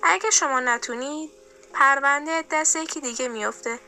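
An actress voicing a composed school principal who speaks in a measured, firm and authoritative way. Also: female voice, sits high, bright, forceful tone, soft background music. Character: composed adult woman school principal, firm but kind. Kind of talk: audio drama acting.

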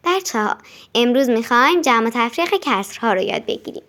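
A woman voicing a kind female village teacher in a storybook, calm and soft-spoken. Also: fairly high pitch. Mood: gentle.

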